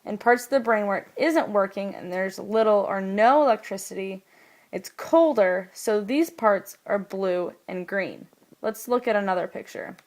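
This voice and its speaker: A woman's voice: medium pitch, normal speed, darkish tone, poor audio. A young woman acting in a scripted school skit, patiently explaining step by step.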